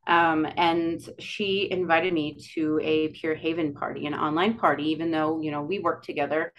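A woman from the Dakotas with a Dakota accent, telling her own story casually and haltingly as a podcast guest. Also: low-pitched, fairly even intonation, a bit bright, dull audio. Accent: Dakota, Upper Midwest. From Dakotas, United States. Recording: clear background noise.

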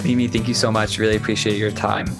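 Guy hosting a podcast, lowish voice, guitar music under him. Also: level tone. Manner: friendly, halting questions with fillers. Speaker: podcast host. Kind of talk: interview and scripted outro.

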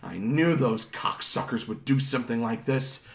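A man voicing a furious male townsman who curses and shouts in a tavern. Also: mid-range voice, normal speed, roomy sound, close to an everyday voice. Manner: shouting, cursing.

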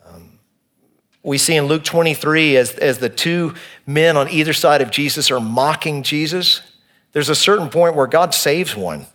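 A man's voice: fairly high pitch, normal speed, a bit bright. A man preaching a sermon in church, counting off his points and reading scripture with emphasis. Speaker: pastor.

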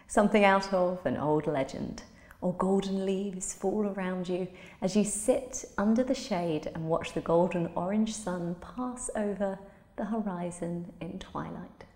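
Slow, soothing woman in echoey hall. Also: medium pitch. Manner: slow, soothing, soft-spoken delivery. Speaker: meditation guide. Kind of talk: guided relaxation visualization. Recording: roomy with long reverb.

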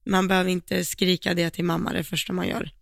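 Frank woman with a gravelly edge. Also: fairly low pitch, fairly even intonation, no echo, studio quality. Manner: frank and emphatic, speaks her mind. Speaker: podcast co-host. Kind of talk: casual chat about competition riding.

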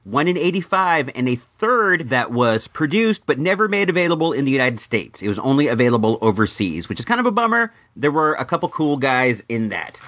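A man's voice: on the high side, a bit bright. A middle-aged man hosting a toy show, telling nostalgic stories in a casual, wry, conversational way into a microphone. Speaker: toy review host. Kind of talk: casual nostalgic storytelling and commentary. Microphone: microphone in a room.

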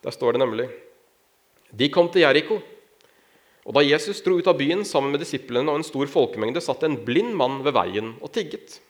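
Man preaching a sermon. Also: animated. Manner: storytelling, raises pitch when acting out shouts. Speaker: pastor.

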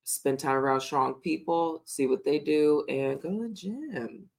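Een vrouw die als co-host van een podcast levendig en lachend over haar week vertelt. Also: female voice, low-pitched, measured pace, vocal fry. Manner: animated, laughing, chatty. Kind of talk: casual chat.

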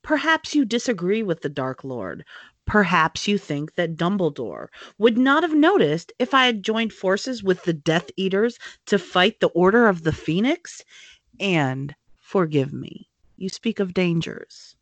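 A woman reading aloud as a cold, smooth male dark wizard, speaking in a measured, disdainful way. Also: on the low side, big pitch swings, no echo.

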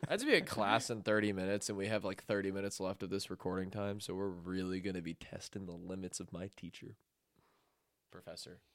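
A man's voice: low-pitched, fairly quick, no echo. A young man in casual chat with friends, talking in a rambling way with lots of "like". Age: young adult. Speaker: student co-host.

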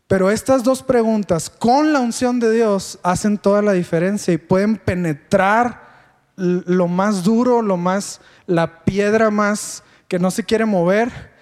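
High-voiced preacher. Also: male voice, a little slow, big-room sound. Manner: animated storytelling, asks the congregation questions. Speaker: preacher giving his testimony. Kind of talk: testimony sermon to a congregation.

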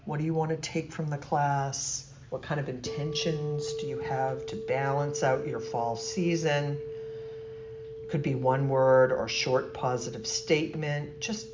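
A yoga nidra instructor leading a guided meditation in a soothing, gentle, deliberate way with long pauses. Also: mid-range voice. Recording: muffled, noisy recording with steady humming tone.

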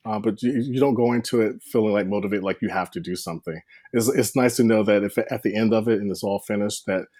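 A man's voice: fairly low pitch, fast talker, warm tone, no room sound, studio quality. A man who tells a long story in casual chat, rambling with many fillers and restarts, often laughing. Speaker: podcast guest.

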